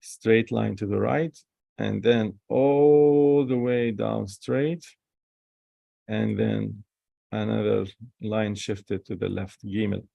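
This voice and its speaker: A man teaching the Hebrew alphabet, repeating each sound slowly and with non-native phrasing. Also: on the low side, steady tone, creaky, dry recording, highs cut off. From Holy Land. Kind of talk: classroom lesson.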